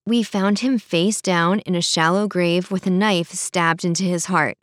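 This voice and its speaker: A woman voicing a calm, measured male police officer in an audiobook. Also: lowish voice, no room sound, clean studio sound, natural voice.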